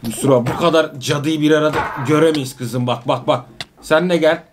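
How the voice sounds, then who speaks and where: A man hosting a gaming channel, giving excitable let's-play commentary with loud exclamations and repeated words, playfully scolding the enemies. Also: a little high, normal speed, noisy background.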